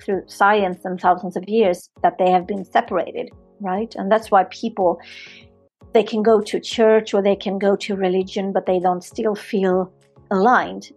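Earnest and flowing, a Swedish-accented woman from Sweden answers questions on a podcast as a yoga therapist and physiotherapist, repeating herself for emphasis. Her mid-range voice is level, unhurried, a little mellow and breathy at the edges. There's soft background music.

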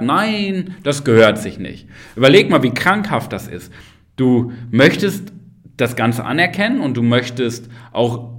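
A man's voice: mid-range voice, fairly bright tone. Emphatic man hosting a motivational podcast. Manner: emphatic, asks the listener rhetorical questions; addresses the listener directly with frequent tag questions. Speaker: podcast host and coach.

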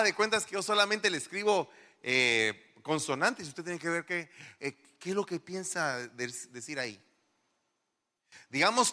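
A middle-aged male pastor giving an animated sermon in a church, firing rhetorical questions at the congregation. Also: fairly high pitch. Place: church hall. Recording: long church reverb.

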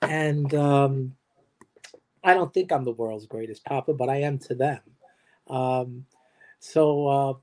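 An older man, a guest on a livestream, speaking in a halting way with many fillers. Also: on the high side, a little mellow. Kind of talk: conversational livestream talk.

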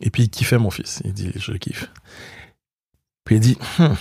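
Lower-voiced middle-aged Québécois man. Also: normal speed, vocal fry, warm tone, breathy edge, dry recording, clean studio sound. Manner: storytelling, acts out quoted dialogue; frequent restarts and repeated words. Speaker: guest, comedian. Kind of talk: casual interview chat.

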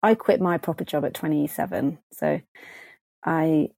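A woman's voice: deep voice, unhurried, creaky, darkish tone, breathy edge, dry recording, clean studio sound. A woman in her thirties from the UK hosting a podcast interview, chatty and encouraging, laughing often. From United Kingdom. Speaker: podcast host. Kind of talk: casual interview chat.

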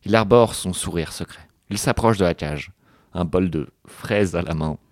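Low-voiced Frenchman reading with dry sound. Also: moderate pace, a little mellow, no echo. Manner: joking, laughs often, mock-dramatic reading. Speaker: podcast co-host reading a book aloud. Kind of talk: comic book reading with banter.

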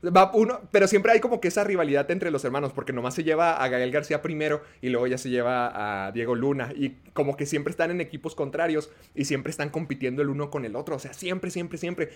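A man's voice: a little high, fast, few pauses. A man with a Mexican accent, a podcast host giving a rambling, casual film review with many fillers.

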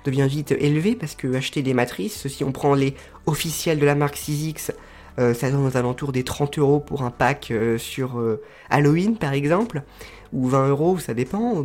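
A man explaining crafting tools casually to his viewers, hesitant and pausing often to search for words. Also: medium pitch, a little mellow. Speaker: crafting video creator. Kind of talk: casual explanatory talk to camera.

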